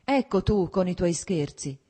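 An anxious older princess who scolds and frets, read by a woman narrator. Her voice is husky and dark, pitched a little higher than the narration. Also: lively intonation, normal speed. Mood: reproachful. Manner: plaintive, reproachful.

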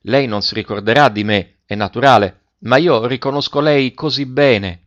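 A man voicing an affectionate middle-aged former pupil who speaks in a warm, earnest and polite way, in a dull lo-fi recording. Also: mid-range voice, moderate pace, natural voice.

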